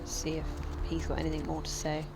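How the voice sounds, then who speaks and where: A woman's voice: sits low, monotone, brisk, gravelly, background noise. Chatty woman streaming a game. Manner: rambling, chatty, many fillers. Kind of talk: casual let's-play chat.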